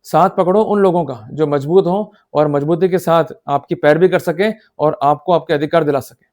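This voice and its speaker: This man's voice is a little high and a little mellow, at a normal speed. He lectures on law in Hindi sprinkled with English legal terms, explaining emphatically, urging his audience on, and frequently making sure they're keeping up.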